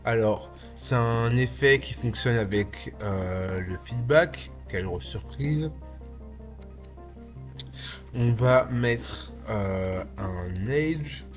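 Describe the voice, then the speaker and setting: Male tutorial host, lightly lisping, informal and slow-paced, talking through steps over music. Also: mid-range voice. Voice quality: slight lisp. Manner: informal, step-by-step, thinking aloud. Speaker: tutorial host, video artist and VJ. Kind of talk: casual software tutorial. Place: small indoor home studio.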